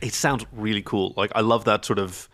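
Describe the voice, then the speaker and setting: A man's voice: on the low side, normal speed, a bit bright. A man co-hosting a podcast, chatting casually through a recap with wry, wordy asides. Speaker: podcast co-host. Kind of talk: casual chat recapping a show.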